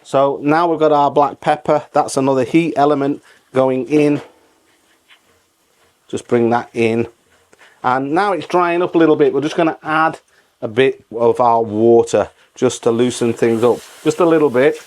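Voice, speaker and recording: A man's voice: mid-range voice, moderate pace, a little mellow. Man casually hosting a cooking tutorial. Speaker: cooking channel host.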